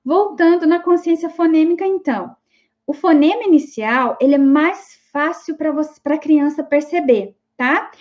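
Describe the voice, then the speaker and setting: A woman's voice: sits high, normal speed, muffled recording. A woman giving an explanatory online class lecture, often checking in with her students as she goes. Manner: explanatory, frequent checking tags like "tá bom?". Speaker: teacher.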